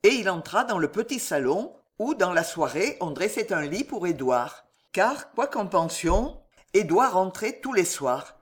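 An audiobook reader narrating a classic novel dramatically, slowing down at tense moments. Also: medium pitch, big pitch swings. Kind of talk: expressive literary narration.

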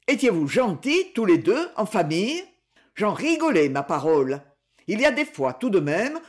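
A brutal, vengeful man in a dramatic audiobook, threatening and gloating in a hard, blunt voice, as a reader puts him on. His delivery swings widely in pitch. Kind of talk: audiobook character voice.

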